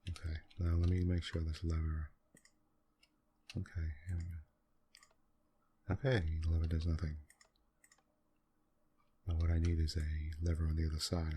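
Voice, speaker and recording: A man quietly talking through a computer game in a soft-spoken ASMR style, musing aloud at an unhurried pace with many pauses. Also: very deep voice, slight background noise. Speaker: gaming channel host.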